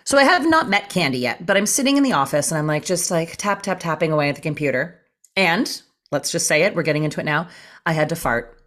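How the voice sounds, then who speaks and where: A woman casually telling a funny story in a chat, animated and acting out quoted lines. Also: fast talker. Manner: animated, acts out quotes in a high voice.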